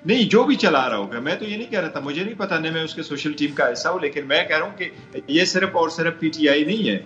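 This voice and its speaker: A man's voice: on the high side, lively intonation, a bit bright, roomy sound, dull audio, faint music behind. A male lawyer arguing as a guest on a live TV debate, insistent and repeating phrases as he makes his point.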